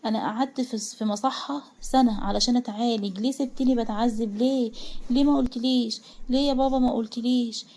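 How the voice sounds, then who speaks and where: Egyptian-accented young man, betrayed, furious, rapid and low-toned, read by a woman narrator. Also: steady tone, warm tone, slight background noise, lightly acted. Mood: anguished. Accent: Egyptian Arabic. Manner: sobbing bitter laughter, then harsh threats.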